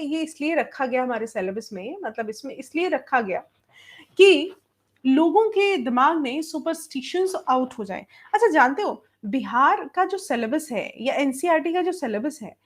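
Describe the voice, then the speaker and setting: A woman teacher with a Bihari Hindi accent, explaining an English lesson in Hindi and switching between both languages. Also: sits high. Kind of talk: online class lesson.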